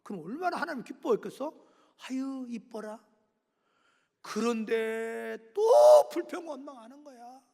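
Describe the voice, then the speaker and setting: A man preaching a sermon as a pastor, animated and acting out dialogue. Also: very high voice, moderate pace, vocal fry, few pauses, breathy edge. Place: church. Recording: echoey church hall.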